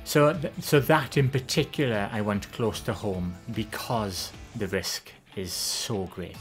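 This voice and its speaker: An unhurried, casual live-stream chat comes from a Welsh woman from the Valleys as she answers viewers. She has a soft, gentle, lower voice with a less feminine tone, rambling with plenty of ums and self-corrections while faint music plays.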